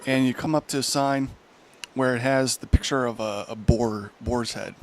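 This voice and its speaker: A man's voice: mid-range voice, fairly even intonation, moderate pace, slight background noise. A man narrating a tabletop game as game master, rambling and correcting himself often.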